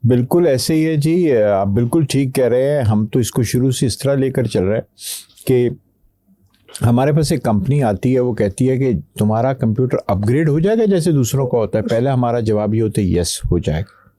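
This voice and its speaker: A middle-aged man from Pakistan, a company CEO, answering interview questions slowly, pausing to think before he speaks. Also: medium pitch, mellow, dry recording. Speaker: guest, tech company CEO. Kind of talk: podcast interview.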